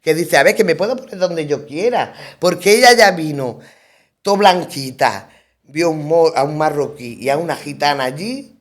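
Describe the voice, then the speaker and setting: A middle-aged woman speaking as a guest in a round-table radio conversation. She tells her story lively, slipping into the voices of the people she quotes. Her talk rambles, with restarts and repeated words for emphasis. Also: low voice, moderate pace. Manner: lively storyteller who acts out quoted dialogue.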